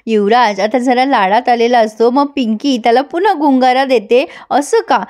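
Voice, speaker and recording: High-voiced woman recapping a serial. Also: moderate pace, darkish tone. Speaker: episode recap narrator.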